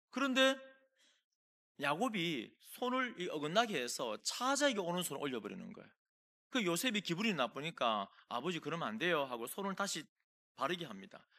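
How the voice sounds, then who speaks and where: Animated Korean pastor preaching. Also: male voice, a little high. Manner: animated storytelling, acts out quoted voices. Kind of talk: sermon. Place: church sanctuary.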